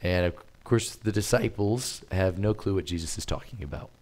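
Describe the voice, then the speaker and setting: A very low-voiced man preaching a sermon in an easy, conversational way. He stops and restarts often and fills his pauses with "uh" and "and", and his voice sounds a little strained. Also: darkish tone. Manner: hesitant, many fillers and restarts. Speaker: missionary preacher.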